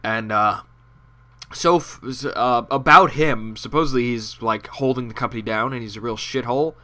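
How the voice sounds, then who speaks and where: Sarcastic, profane young man, bright voice. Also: mid-range voice, moderate pace. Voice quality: nasal. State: out of breath. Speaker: gaming commentator. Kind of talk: gameplay commentary rant.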